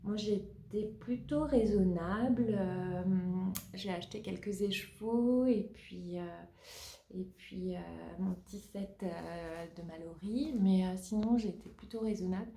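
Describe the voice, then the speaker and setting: French-speaking woman, slow, chatty, in a roomy echo. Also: medium pitch, mellow. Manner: hesitant, many fillers and restarts, laughs often. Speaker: knitting podcast host. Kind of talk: casual chat.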